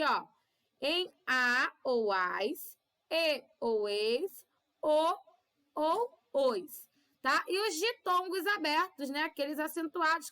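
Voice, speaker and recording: A primary school teacher with a Brazilian Portuguese accent teaches young children in a recorded class, stretching out her syllables and checking in with "tá?" constantly. Her voice is high-pitched and sharp.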